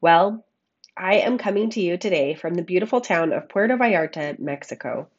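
A woman podcast host with a scratchy frog voice, hoarse from a cold, giving a reflective monologue and addressing listeners affectionately on a makeshift microphone. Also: fairly low pitch, lively intonation, moderate pace, dull audio. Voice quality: scratchy, froggy voice. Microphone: makeshift microphone, not a studio one.

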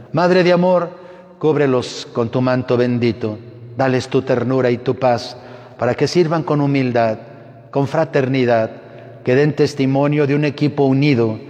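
Priest praying in long cathedral echo. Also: male voice, mid-range voice, darkish tone. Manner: solemn, measured delivery to a congregation. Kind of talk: liturgical prayer and blessing. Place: large church.

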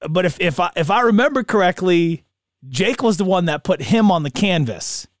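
A man's voice: high-pitched, animated, moderate pace, dry recording, studio quality. A man chatting casually about sports as a podcast co-host, with slangy bro talk.

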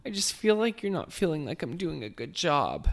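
A man doing a shrill, weepy drunk woman. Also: moderate pace, lightly acted. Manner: whiny, shrill and self-pitying.

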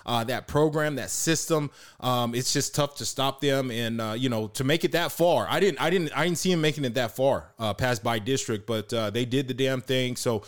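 A man co-hosting a casual sports podcast, talking with many hesitations and getting excited and slangy. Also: mid-range voice, normal speed, few pauses. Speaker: podcast co-host.

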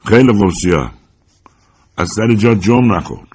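A man's voice: on the low side, animated, a little mellow, breathy edge. A man voicing a menacing adult male hired gunman who barks curt orders, in a dramatized audiobook. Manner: bossy, curt commands.

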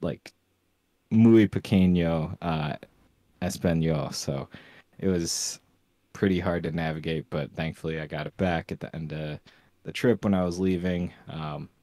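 A man's voice: low voice, fairly even intonation, normal speed, a little mellow, no room sound. A man co-hosting a podcast, telling a rambling story in casual chat with lots of fillers. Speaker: podcast co-host.

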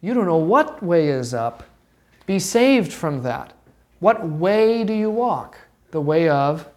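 A woman's voice: fairly low pitch, sing-song, slow pace, a little mellow. A middle-aged woman teaching a catechism class to children, asking questions and prompting answers patiently. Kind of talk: classroom Bible lesson with children.

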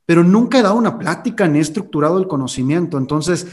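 A man's voice: on the high side, lively intonation, fast talker, darkish tone. A man hosting a casual interview, speaking in an enthusiastic, reflective way. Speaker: host.

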